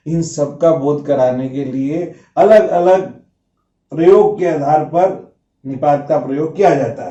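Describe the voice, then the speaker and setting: A man teaching grammar in a slow, measured way, with a mellow tone set a little high for a man. He repeats each example sentence as he explains it. The sound is roomy and a bit dull. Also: recorded from a distance. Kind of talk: spoken grammar lesson. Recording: roomy, slightly dull home recording.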